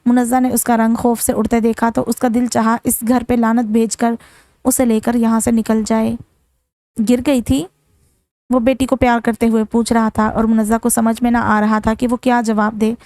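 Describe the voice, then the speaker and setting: A woman reading a novel aloud as an audiobook narrator, in a steady, even manner. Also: on the high side, a little fast, no room sound, clean studio sound. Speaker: novel reader.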